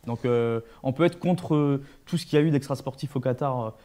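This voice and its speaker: Hesitant man with a mellow voice. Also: medium pitch, normal speed. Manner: hesitant, many fillers and restarts. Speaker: studio guest. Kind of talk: talk show discussion.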